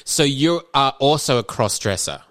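A man chatting from his home kitchen. He hosts casually and asks eager, curious questions in a mid-pitched voice. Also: lively intonation, normal speed, fairly bright tone, no room sound, studio quality. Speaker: podcast host. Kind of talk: casual chat.

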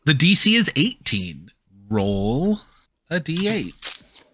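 A man's voice: on the high side, wildly swooping pitch, slow pace, fairly bright tone, no echo. A man speaking casually as game master, narrating a tabletop game and calling for dice checks.

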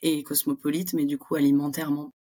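A young Frenchwoman talking as a guest in a relaxed interview, chatty and full of fillers. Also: low voice, fast talker, slightly rough. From France. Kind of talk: casual interview conversation.

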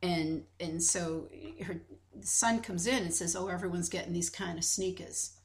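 A woman's voice: fairly low pitch, unhurried. A woman co-hosting a podcast, talking earnestly in casual conversation and retelling a story with many restarts. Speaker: podcast co-host.

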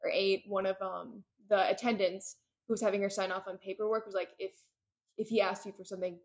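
A woman co-hosting a casual book podcast, retelling scenes with lots of "like" and quick quoted lines. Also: mid-range voice, fairly even intonation. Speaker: podcast co-host recapping a book. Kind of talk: casual chat.

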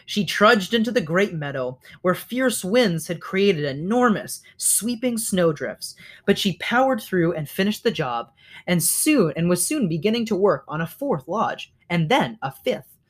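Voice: medium pitch, very animated, unhurried. Storybook reader who corrects slips. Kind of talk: reading a children's novel aloud.

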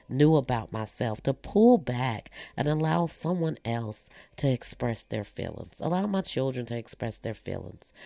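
A woman in her fifties with a very deep, gravelly voice speaks in a candid, personal monologue. She is talkative and earnest, and the recording is dry and close. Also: warm tone, no room sound. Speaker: blogger sharing personal reflections.

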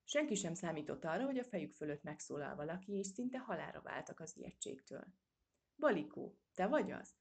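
Husky low-voiced woman reading a storybook. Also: expressive, hardly any pauses. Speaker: audiobook reader. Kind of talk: storybook narration.

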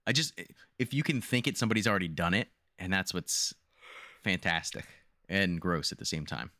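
A man co-hosting a casual gaming podcast, trading deadpan one-liners. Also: low voice, moderate pace, dry recording, clean studio sound. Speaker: podcast co-host. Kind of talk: casual chat.

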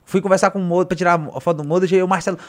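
Fast-talking Brazilian man telling stories. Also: high voice. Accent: Brazilian Portuguese. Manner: animated, slangy, acts out quotes loudly. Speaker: podcast guest. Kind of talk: casual storytelling.

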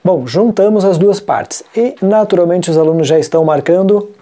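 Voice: mid-range voice, normal speed, mellow, slight background noise. A music teacher with a Brazilian Portuguese accent, explaining a classroom method step by step and often rephrasing terms mid-sentence.

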